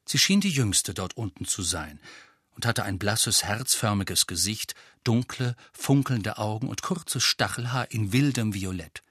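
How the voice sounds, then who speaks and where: Male audiobook narrator, animated, bright and slightly husky, dry close mic. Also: lowish voice, unhurried, no room sound. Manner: animated, voices each character. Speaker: audiobook reader. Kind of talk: expressive scripted narration.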